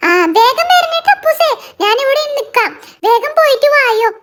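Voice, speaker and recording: A woman voicing an excitable little girl doll in a children's doll story, talking in an anxious, pleading way. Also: extremely high pitch, normal speed.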